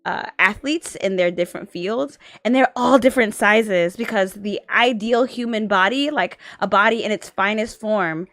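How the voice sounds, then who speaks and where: A woman's voice: medium pitch, normal speed, hardly any pauses, fairly bright tone, no room sound. A woman in her twenties chatting casually on a stream, rambling and full of filler words, sometimes sleepy. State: sleepy, yawning. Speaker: guest on husband's art stream. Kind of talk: casual chat.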